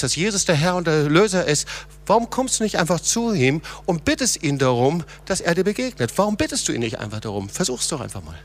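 A man in middle age delivers a sermon with a voice pitched a little high. He moves from hushed, low stretches to impassioned, raised appeals. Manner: impassioned, swings between low quiet passages and raised calls. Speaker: preacher.

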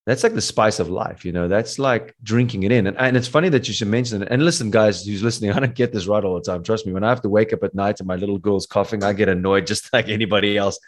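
A man's voice: on the low side, quick pace, hardly any pauses. A man in his forties hosting a podcast, talking earnestly and philosophically about parenting and being present. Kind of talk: reflective casual chat.

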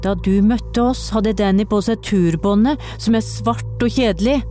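A woman's voice: mid-range voice, dark tone, soft background music, pitched above the performer's own voice, close to an everyday voice. A woman reading the lines of a bold, suspicious young boy in a children's storybook. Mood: accusing. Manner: eager, then stern and accusing.

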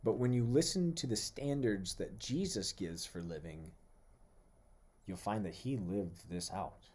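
A man preaching in a podcast sermon who talks in an animated way, throws in playful asides and slows down to read scripture. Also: fairly low pitch, husky. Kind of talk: sermon-style podcast teaching.

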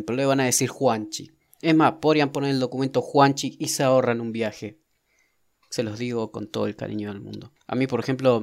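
A young man from southern Argentina with a local Argentine accent, chatting quickly about local slang and swallowing his S sounds. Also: mid-range voice, no room sound, clean studio sound. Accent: Argentine Patagonian Spanish. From Comodoro Rivadavia, Argentina. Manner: fast-talking, drops his S sounds, playful. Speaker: host explaining local slang. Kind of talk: casual explanatory monologue.

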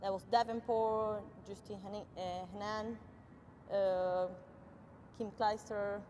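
A woman's voice: medium pitch, fairly even intonation, takes it slowly, mellow. A young woman from Argentina who speaks with an Argentine Spanish accent, answering interview questions as a tennis coach in simple phrasing with small grammar slips. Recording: long reverb, faint noise.

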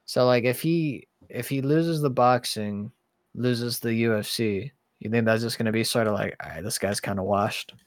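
A man's voice: medium pitch, moderate pace, dry recording, clean studio sound. A young man hosting a casual podcast chat, talking in a loose, rambling, slangy way. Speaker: podcast host.

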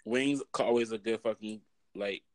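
A man's voice: lowish voice, fairly even intonation, normal speed, no echo. A man with an American accent hosting a casual, profane chat full of slang, talking as if among friends. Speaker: podcast host.

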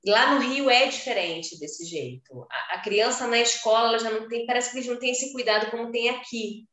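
A woman with a Carioca accent from Rio, chatting casually as podcast co-host and telling stories with lively swings in pitch. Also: fairly quick, roomy sound. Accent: Carioca Brazilian Portuguese. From Rio de Janeiro, Brazil. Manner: animated, swooping pitch when telling stories. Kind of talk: casual chat.

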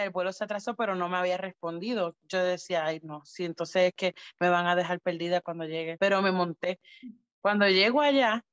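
A woman in casual chat, telling a story with animated restarts. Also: medium pitch, smooth, highs cut off.

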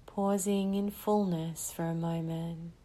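A woman leading a guided breathing meditation, speaking in a slow, soothing way with long pauses between phrases. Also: fairly low pitch, fairly even intonation, warm tone.

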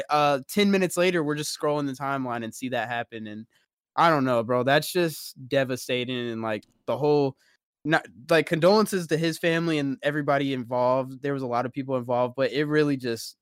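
A man's voice: fairly high pitch, moderate pace, clear, resonant tone, dry recording, clean studio sound. A young man hosting a casual podcast, chatting and joking with friends. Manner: laughing, animated banter. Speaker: podcast host. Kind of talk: casual chat.

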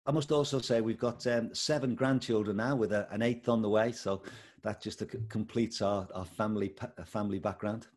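Talking fairly quickly with a steady tone, this man has a lowish, slightly mellow voice. He is an older schools coordinator from England with a Liverpool accent, chatting about his life and work as a guest in a casual interview.

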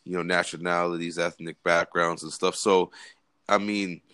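Host, man from California, lowish voice, halting and filler-heavy, close dry sound. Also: little pitch movement, pushed and bright, clear, resonant tone, dry recording. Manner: hesitant, many fillers. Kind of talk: casual conversation.

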